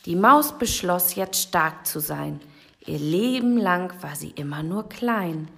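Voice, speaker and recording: A young woman reading a rhyming children's book aloud, gentle and expressive, sometimes dropping to a whisper. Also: lowish voice, creaky, breathy edge. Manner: slow, gentle and expressive, with soft whispered passages. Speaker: storybook reader.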